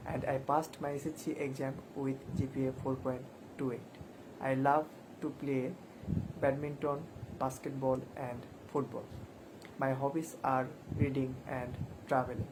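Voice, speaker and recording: Young man, Bangladeshi accent, monotone delivery, noisy recording. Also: mid-range voice. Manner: flat, recited, halting English. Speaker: student applicant. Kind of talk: self-introduction video.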